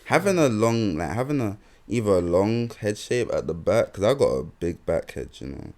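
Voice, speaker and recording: A man's voice: lowish voice, big pitch swings, normal speed, darkish tone. A young man with a London accent, co-hosting a podcast and telling rambling stories full of slang in casual chat. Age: young adult. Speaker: podcast co-host.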